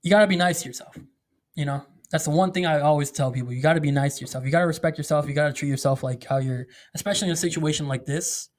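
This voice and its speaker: A man with a slightly high voice speaks rapid-fire as a podcast guest. He tells his story candidly and casually, with lots of fillers and restarts, like a conversational interview.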